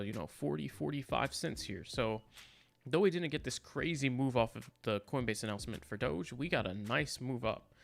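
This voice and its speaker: A man's voice: mid-range voice, creaky, fairly bright tone. A man hosting a casual live market stream, talking informally and directly to his viewers. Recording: music playing behind the voice. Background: background music.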